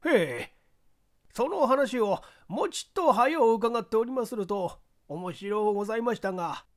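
A man's voice: high voice, expressive, a little slow, pitched above the performer's own voice. A man voicing a grey-bearded police sergeant reporting in stiff, polite formal speech. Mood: respectful.

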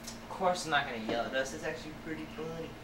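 A man's voice: on the high side, fast. A male gamer making dry, laid-back remarks during casual co-op play. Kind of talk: casual co-op gameplay chat. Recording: roomy echo, distant mic, loud noise.

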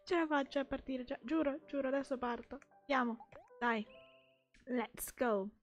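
A young Italian woman streaming a game, chatting playfully with her chat and laughing often. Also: high voice. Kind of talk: casual live gameplay chat.

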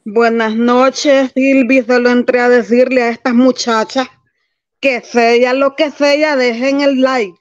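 A woman's voice: on the high side, level tone, unhurried, muffled recording. A woman calling into a live stream, earnest as she tells a personal story. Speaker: guest caller. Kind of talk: casual chat on a live stream.

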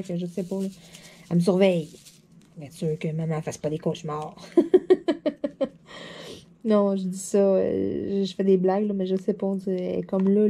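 A woman with a Quebec French accent, chatting casually while crafting, a bit hoarse from a dry throat, rambling and laughing often. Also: medium pitch, warm tone. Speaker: diamond painting vlogger.

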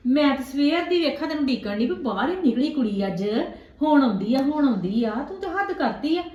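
A woman's voice: high voice, lively intonation, brisk, dark tone, highs cut off. A middle-aged woman playing a scornful, bossy mother who scolds and sneers in a home drama. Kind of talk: web drama acting. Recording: echoey room.

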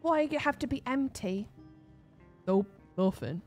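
A woman's voice: a little high, animated, unhurried, faint music behind. A woman streaming a game as host, chatting casually with a giggly, rambling manner full of fillers. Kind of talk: casual gaming chat.

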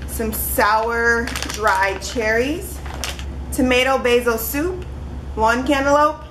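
With a noisy background behind her, a twenty-something woman talks slowly in a slightly high voice. She's a vlogger in her home kitchen, casually holding up one grocery item after another for her webcam.

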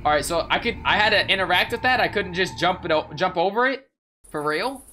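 A man's voice: high-pitched, lively intonation, brisk, pushed and bright, a little hiss or hum. A man in his twenties giving slangy, joking gameplay commentary with playful mock outrage. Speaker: gaming video host.

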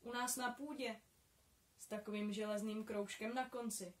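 A woman reading the part of an eager, bold young boy, in a lively storytelling tone. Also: a little high, reverberant, distant mic, close to an everyday voice.

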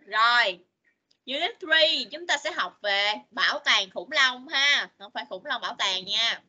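A woman, an English teacher on a video call, patiently coaxing children and modeling words slowly for them to repeat. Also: on the high side, animated, sharp tone. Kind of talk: online English lesson for children.

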